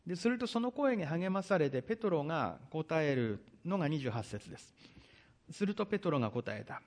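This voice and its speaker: A male pastor preaches in a fairly high voice that swoops up and down with lively intonation. He reads verses aloud and then explains them at an unhurried pace. Drawn-out hesitations run through his talk. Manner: frequent drawn-out hesitation fillers. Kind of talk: sermon with scripture reading.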